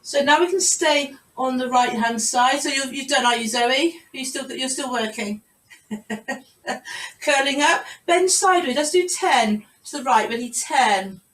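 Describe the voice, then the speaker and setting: She's a Pilates instructor with a high, fairly bright voice and an unhurried delivery, leading an online class live from home. Encouragement and spoken rep counts fill the session. Sound is distant and roomy, as on a video call.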